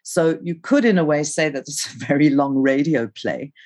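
Husky low-voiced woman author, expressive. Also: normal speed. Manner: expressive, restarts often when explaining. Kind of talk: interview and reading from her novel.

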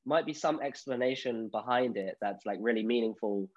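A man's voice: medium pitch, normal speed. A young man hosting a podcast, chatting casually with lots of fillers. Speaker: podcast host. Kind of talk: casual interview chat. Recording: slightly dull lo-fi audio.

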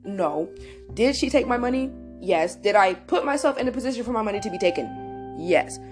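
Over music, a young woman host tells her own story at a normal speed and medium pitch. Her delivery is casual, animated and forceful; she curses and addresses the audience head-on.

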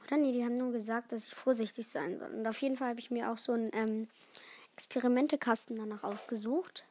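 A woman's voice: a little high, fairly even intonation, quick pace, darkish tone, dry recording. A teenage girl hosting her own podcast in casual solo chat, rambling and often restarting her sentences. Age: teens. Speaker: podcast host.

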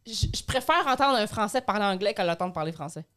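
A woman's voice: medium pitch, animated, quick pace, fairly bright tone. A woman, co-hosting a podcast and chatting freely with her opinions. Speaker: podcast co-host. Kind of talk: casual podcast banter.

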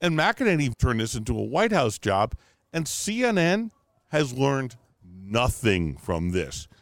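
A man's voice: medium pitch, sing-song, unhurried, gravelly, fairly bright tone, dry recording. A man co-hosting a casual talk podcast, speaking emphatically and swearing casually. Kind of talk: casual political and media chat.

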